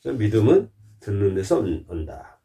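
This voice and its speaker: A man giving a sermon at a measured, repetitive pace, who sometimes acts out God's voice in quoted lines. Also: on the low side, very animated, dark tone. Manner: measured, repetitive preaching cadence. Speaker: pastor.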